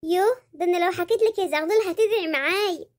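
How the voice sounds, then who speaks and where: Woman voicing a shrill fretful Egyptian housewife. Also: very fast. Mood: fretting. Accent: Egyptian Arabic. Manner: nagging, dramatic, lamenting. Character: chatty fretful Egyptian housewife, middle-aged. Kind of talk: comic cartoon voice acting.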